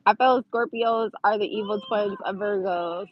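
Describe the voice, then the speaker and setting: A woman's voice: medium pitch, steady tone, normal speed, muffled recording. A woman hosting a casual livestream, reading viewer comments aloud and answering them with sarcasm and laughter.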